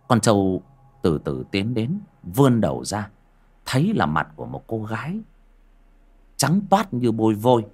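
A man narrates a horror tale. His pitch rises and falls a lot as he builds suspense, and a faint music bed plays behind him. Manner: vivid, expressive storytelling. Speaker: audiobook narrator. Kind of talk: dramatic horror story narration.

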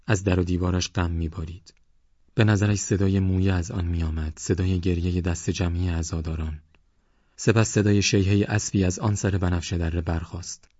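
A male audiobook narrator with a very deep voice, reading in a steady, measured way. The sound is dry with no room around it. The top end is a little dull. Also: no room sound. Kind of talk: scripted narration.

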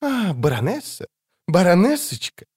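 A man's voice: fairly high pitch, animated, a little fast, pitched above the performer's own voice, lightly acted. A man voicing a hard-edged teenage girl outlaw who hisses her threats with contempt. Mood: menacing. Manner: hissing, contemptuous.

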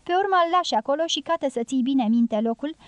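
Woman reading as a serious guy giving orders, firm and measured, high voice, dry sound. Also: lively intonation, no room sound. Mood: instructing, firm. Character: stern, serious American man giving orders.

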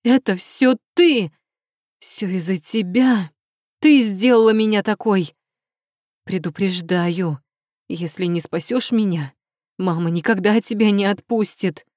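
A woman's voice: mid-range voice, unhurried, a little mellow, no room sound, clean studio sound, lightly acted. A woman voicing a spoiled young princess, hysterical and pleading, crying out shrilly in an audiobook. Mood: accusing.

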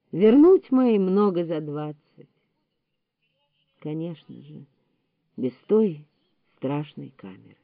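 A woman giving a measured, deliberate audiobook narration of a memoir. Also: sits low, no echo. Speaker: audiobook reader. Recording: tinny phone-like, dry sound.

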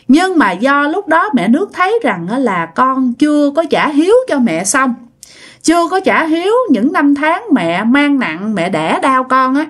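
A woman's voice: high voice, voice pushed up. A woman with a Southern Vietnamese accent voicing the spirit of a dead young man who speaks sorrowfully through a medium. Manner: sorrowful explaining.

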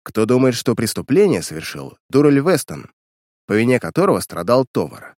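A man voicing a calm, dryly mocking disguised policeman in an audiobook reading. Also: medium pitch, normal speed, no room sound, clean studio sound.

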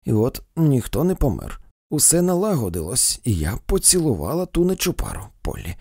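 A man reading a story, voicing an anxious society lady who speaks softly and tearfully. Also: medium pitch, big pitch swings, fairly quick, slightly rough, dry recording, clean studio sound, voice pushed up. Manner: soft, tearful and fluttery.

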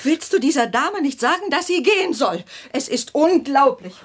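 An indignant, proper wife and mother, with a high voice that swoops. She speaks formally and reproachfully. A 1980s radio play. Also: animated, moderate pace.

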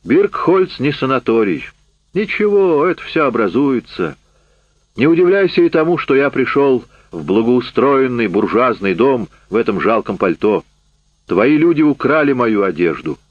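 A man's voice: mid-range voice, sing-song, moderate pace, no room sound. A man voicing a furious, accusing camp survivor. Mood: bitter. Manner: loud, heated, accusing. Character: bitter, worn-out man just back from a camp. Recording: dull, dry lo-fi recording.

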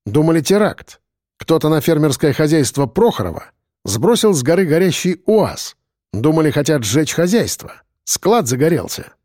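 A man reading an audiobook, voicing a tired, weary middle-aged police lieutenant colonel who speaks in an even, measured way. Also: fairly high pitch, dry recording, clean studio sound.

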